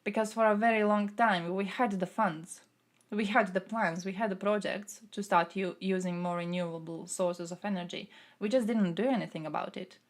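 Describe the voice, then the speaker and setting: A woman's voice: mid-range voice, fairly even intonation, normal speed. A young woman from Croatia who streams and answers chat, talking through politics in a casual way, thinking aloud with fillers.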